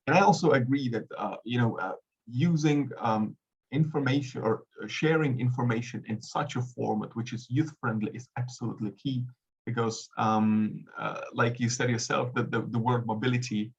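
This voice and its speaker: A man's voice: medium pitch, normal speed, gravelly, breathy edge, dull audio. A man from the Republic, speaking hesitantly with many fillers as a panelist in a webinar discussion. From Czech Republic.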